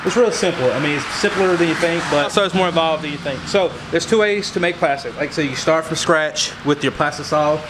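In a casual how-to vlog, a man rambles about the homemade fishing lures he makes, full of ums and restarts, at a workbench in his workshop. He speaks on the high side and fairly quickly, hardly pausing, against a noisy background.

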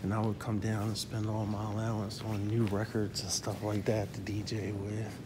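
A man's voice: fairly low pitch, monotone, moderate pace, background noise. A middle-aged man walking through an empty indoor mall, casually recalling the stores that used to be there, recorded on a handheld phone. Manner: reminiscing, pointing out old stores. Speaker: vlogger touring a closed mall. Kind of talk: casual walking tour narration. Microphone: handheld phone camera.

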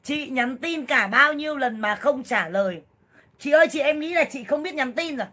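A woman in her thirties on a casual livestream, loud, blunt and jokey, full of exclamations as she talks to viewers. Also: high-pitched, lively intonation, moderate pace. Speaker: livestream seller and vlogger.

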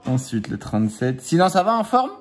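This man's voice sits in the mid range and swings widely in pitch. He's a scratch-card vlogger at home, playfully teasing his children as he scratches tickets and drags out the numbers in casual chatter.

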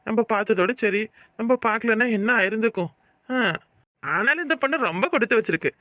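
A man's voice: high-pitched, quick pace, sharp tone, no echo, clean studio sound. A man with a southern Tamil Nadu accent voicing a kind-hearted young bachelor who frets and mutters to himself. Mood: fretful. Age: young adult. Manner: talking to himself, fretful asides. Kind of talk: cartoon voice acting.

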